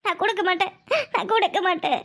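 A woman's voice: very high voice, fast talker, pitched below the performer's own voice. A woman voicing a young wife who pleads with her husband and stubbornly defies her in-laws. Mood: pleading. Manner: pleading, insistent.

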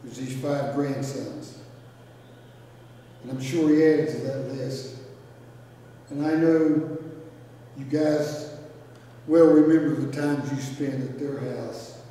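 An older man gives a graveside eulogy as a pastor, speaking in a folksy, plain-spoken way with long pauses. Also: mid-range voice, fairly even intonation, warm tone. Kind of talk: graveside funeral eulogy and sermon. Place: outdoor graveside service, recorded from a distance. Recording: echoey, noisy, captured from far off.

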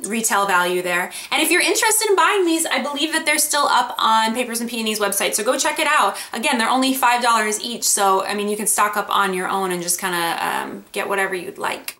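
A young beauty vlogger from Florida sits at her desk in a home room with a lamp, chatting upbeat about accessories and a giveaway in a casual product haul talk, with plenty of ums. Her voice is a little high, pushed and bright, picked up by a desk webcam in a reverberant space.

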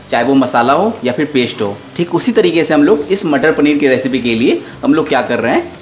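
Man, cooking host, step-by-step recipe talk, fairly high voice, faint kitchen sizzle behind. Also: slight background noise. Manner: patient, instructive, addresses viewers directly. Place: home kitchen at the stove.

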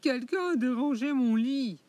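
A woman's voice: on the high side, lively intonation, slow pace, voice pushed up. A woman voicing an irritated mother bear in a children's storybook, scolding in a raised, cross voice.

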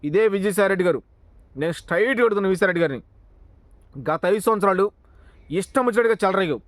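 A man's voice: high voice, quick pace, dry recording. A man giving a heated political monologue, confronting his target with rhetorical questions. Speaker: political commentator, channel owner.

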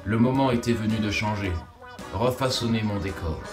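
A man's voice: on the low side, normal speed. Young man narrating, roomy and distant. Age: young adult. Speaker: YouTuber narrating his own short film. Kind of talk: scripted self-deprecating narration. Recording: roomy, distant voice-over under music.

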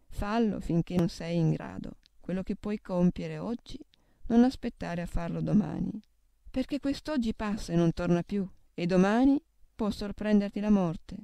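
A woman reading devotional meditations aloud in a solemn, steady way, naming scripture references as she goes. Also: medium pitch, vocal fry, no echo. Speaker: reader of devotional texts.

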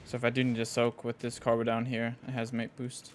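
A man's voice: mid-range voice, monotone, brisk, slight background noise. A young man giving casual gameplay commentary in slangy, sweary frat-bro talk. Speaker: gaming video host.

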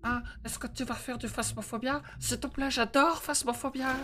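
A man putting on a high, gushing voice of a young fan begging for a game. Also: fairly even intonation, moderate pace, bright, forceful tone, a little hiss or hum.

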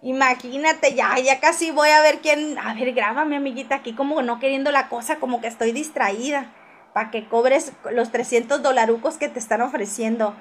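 A woman chats through a gossip livestream in a high voice. She reads viewers' comments aloud and answers them with teasing, laughing asides. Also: normal speed, slight background noise.

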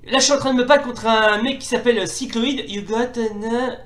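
A man commentating excitably as he plays a retro fighting game, often exclaiming and repeating himself. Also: very high-pitched, moderate pace, reverberant. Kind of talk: playing while commentating.

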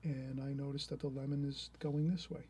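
During a painting tutorial, a middle-aged male art teacher thinks aloud as he draws, offering encouragement while rambling and restarting many times. His voice is medium-pitched, level, warm and a little breathy, at a normal speed.

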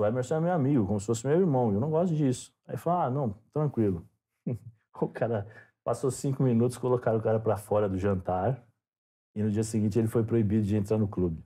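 A Brazilian former footballer, a guest on a podcast, telling stories in a relaxed chat and acting out the dialogue as he goes. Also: fairly low pitch, quick pace, slightly rough. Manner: animated storyteller, acts out dialogue. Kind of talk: casual storytelling interview.

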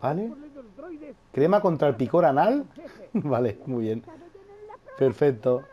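A man giving casual, excitable gameplay commentary, laughing often and swearing casually. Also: medium pitch, takes it slowly, muffled recording. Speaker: gaming youtuber.

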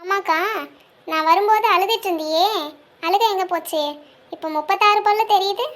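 A woman's voice: very high voice, normal speed, fairly bright tone. A woman voicing a cheerful, teasing young woman who comforts her older sister, in a cartoon. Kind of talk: cartoon voice acting.

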